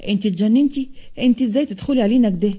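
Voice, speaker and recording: A commanding Upper Egyptian man, blunt and possessive, talking quickly with a soft, mellow tone, as a woman narrator voices him. He comes from a storybook reading and sounds like someone used to getting his way. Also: medium pitch, lightly acted. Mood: angry.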